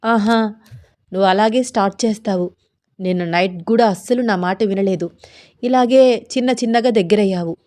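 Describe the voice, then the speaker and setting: A woman's voice: mid-range voice, normal speed, pauses often, darkish tone, close to an everyday voice. A woman voicing a shy young wife who coyly protests her husband's advances. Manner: protesting, coy.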